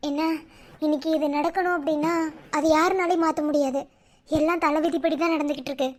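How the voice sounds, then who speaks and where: A woman's voice: high-pitched, fairly even intonation, quick pace, lightly acted. A woman as a firm, comforting older sister. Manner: firm, scolding kindly.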